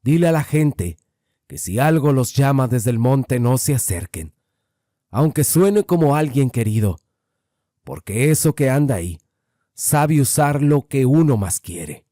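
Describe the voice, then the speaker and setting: A man's voice: mid-range voice, big pitch swings, a little slow, warm tone, no echo, studio quality. A man voicing a grave old mountain man. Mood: grave warning.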